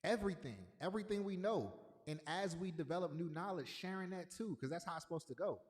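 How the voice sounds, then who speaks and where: Casual livestream host with echoey reverb. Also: male voice, high-pitched, quick pace. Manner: loose and repetitive, greeting chat viewers by name.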